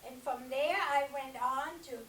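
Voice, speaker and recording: Elderly German-born woman addressing students, slow and earnest, high voice, taped from across the room. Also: fairly bright tone. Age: older. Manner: earnest, direct, urges listeners. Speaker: Holocaust survivor speaking to students. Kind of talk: talk to a school class. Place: school classroom or hall. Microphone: no mic, recorded from across the room. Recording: roomy, distant, faint hiss.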